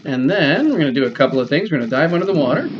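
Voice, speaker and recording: A man giving relaxed, chatty commentary while playing a game, with many ums. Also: on the high side, very fast, dull audio, loud music behind the voice. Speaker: let's play host. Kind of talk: casual gameplay commentary.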